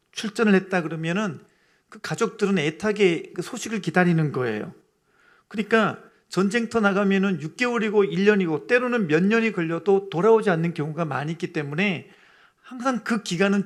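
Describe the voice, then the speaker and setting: Man, pastor, church sermon, high voice, patient explaining, emphatic peaks. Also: fairly bright tone. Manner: explains patiently, then builds to emphatic exclamations.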